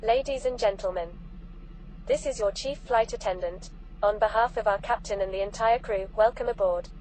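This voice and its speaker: A woman reading scripted cabin announcements as a flight attendant in a calm, formal, measured way. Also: mid-range voice, a little hiss or hum, low-quality recording.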